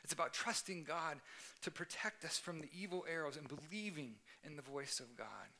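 At a church youth service, a young youth pastor delivers an earnest, emphatic sermon, repeating key phrases to drive his points home. His voice is a little high and sharp, at normal speed, with a bit of hiss or hum.

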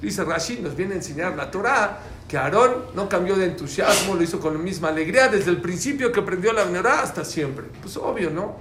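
A man's voice: sits high, lively intonation, fairly quick, hardly any pauses, a bit bright. A man teaching a religious class to students, speaking emphatically, repeating key phrases and putting questions to the class. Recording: echoey room with faint background noise.

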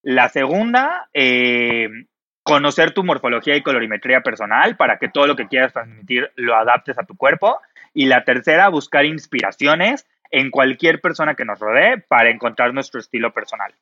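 Guy on a podcast, bright voice, dry dull sound, talks style and says o sea a lot. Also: medium pitch, normal speed, dry recording. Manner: expressive, uses many fillers like "o sea". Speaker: image consultant. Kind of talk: casual podcast chat.

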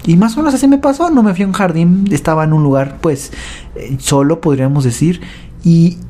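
A man with a Mexican accent gives a personal faith testimony, halting, repeating words and often tagging his sentences with a question. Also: on the high side, warm tone.

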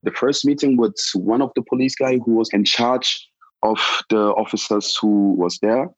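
Low-voiced Ghanaian-born man, slangy and relaxed. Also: normal speed, dry recording, lo-fi sound. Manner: relaxed, slangy, many "like" and "yo" fillers. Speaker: protest organizer. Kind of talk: casual interview answers.

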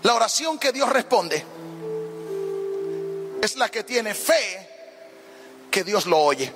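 A man's voice: high voice, sing-song, slow pace, over music. A man preaching a fervent sermon as a pastor, often lifting his phrases into a half-sung cadence.

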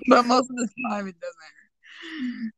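A young woman with a slightly high voice, talking in a casual, joking way. She laughs often as she chats, and the sound is dry and close. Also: expressive, a little slow, fairly bright tone, husky, dry recording. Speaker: podcast co-host. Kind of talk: casual chat.

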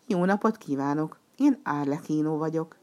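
A woman voicing a mocking, boisterous male clown who jeers loudly in a raised voice. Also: sits low, lively intonation. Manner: raised, jeering and loud.

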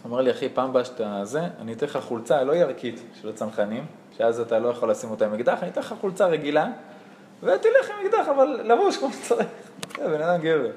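A young man giving a Torah lesson, telling army and rabbi stories with acted-out dialogue and frequent laughter. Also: mid-range voice. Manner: animated, acts out dialogue, laughs often. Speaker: Torah teacher. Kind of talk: lively storytelling lesson. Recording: echoey room with faint noise.

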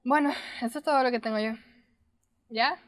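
Young woman on a podcast, slightly high voice, expressive and chatty. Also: fairly quick, slight background noise. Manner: expressive, chatty, swears casually. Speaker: podcast co-host. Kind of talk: casual chat.

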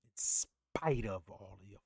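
A fairly low-pitched male voice, animated and measured in pace, with vocal fry and a slightly rough edge, captured as a dry, clean studio recording. He hosts a motivational podcast, preaching emphatically in a monologue and urging listeners to repeat after him.

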